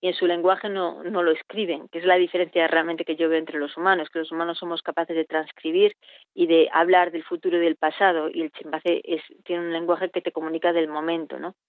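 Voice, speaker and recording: A woman's voice: fairly low pitch, flat delivery, brisk, no room sound. Woman on a tinny phone line. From Spain. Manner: reflective, searching for words. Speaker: veterinarian at a chimpanzee sanctuary. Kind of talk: interview answers.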